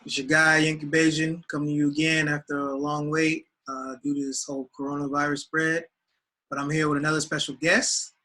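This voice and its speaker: A man's voice: fairly high pitch, level tone, fairly quick, pushed and bright. A man hosting an interview, opening with an upbeat greeting and asking loose, rambling questions. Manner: upbeat, loose, fillers and restarts. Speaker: interviewer and host.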